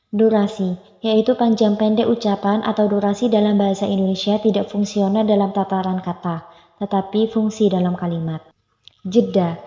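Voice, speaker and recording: Young woman student reading her class notes, calm and steady, long reverb like a big room. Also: medium pitch. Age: young adult. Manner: reads steadily, slowing to list letters one by one. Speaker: university student presenting. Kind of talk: read-aloud phonology lesson. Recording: dull lo-fi sound with long room echo.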